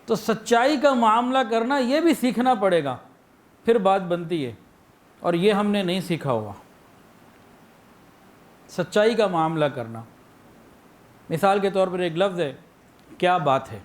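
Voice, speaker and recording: Man, Pakistani Urdu accent, high voice, preaching, sermon with acted-out examples. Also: long pauses. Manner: illustrates with anecdotes and acted-out phrases.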